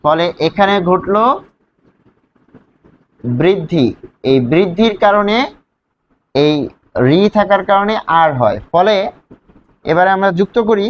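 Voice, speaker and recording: A man's voice: high-pitched, lo-fi sound. A man teaching a grammar lesson, explaining step by step and asking his students questions as he goes. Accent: Bangladeshi Bengali.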